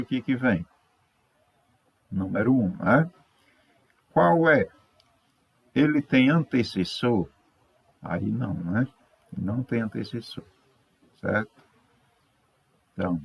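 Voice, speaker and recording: A Brazilian man teaching a third-grade class, correcting exercises patiently, sounding words out slowly and checking in with his pupils. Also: medium pitch, gravelly, slightly rough. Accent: Brazilian Portuguese. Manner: slow, stretches out words syllable by syllable.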